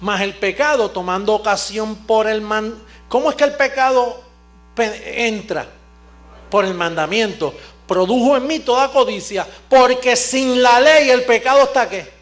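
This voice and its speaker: Male TV preacher, very high voice, emphatic call-and-answer sermon style, faint music underneath. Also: unhurried. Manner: emphatic, asks the audience questions and answers them; swings from low asides to shouting. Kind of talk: televised sermon.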